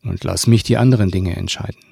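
A man's voice: deep voice, fast, vocal fry, warm tone, breathy edge, no echo, studio quality, full character voice. A man reading aloud and voicing a cold, stern woman who takes a child away and speaks in curt commands.

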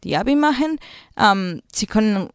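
In studio-quality audio with no room sound, a young woman from Peru speaks in a smooth, expressive mid-range voice at a moderate pace. A native Spanish speaker with a Peruvian accent, she's a guest and school volunteer answering casual interview questions, hesitantly hunting for German words amid plenty of fillers.

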